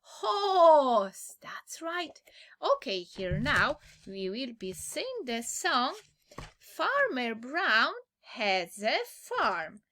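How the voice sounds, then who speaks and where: A woman's voice: fairly high pitch, big pitch swings, drawn-out words, bright, forceful tone. A woman with a Polish accent teaching English to small children, as if reading to a toddler, in an exaggerated sing-song manner with much repetition. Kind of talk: simple language lesson for small children.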